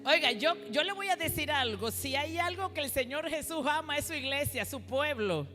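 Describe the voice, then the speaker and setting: A woman's voice: sits high, animated, normal speed. A woman preacher giving a call-and-response sermon, leading the congregation to repeat her phrases. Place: church hall. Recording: reverberant hall with faint music.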